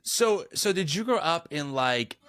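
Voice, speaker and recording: A man's voice: a little high, animated, unhurried, a bit bright, smooth, no echo. A man hosting a podcast interview, upbeat and affirming, asking long, rambling questions. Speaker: podcast host. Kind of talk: conversational interviewing.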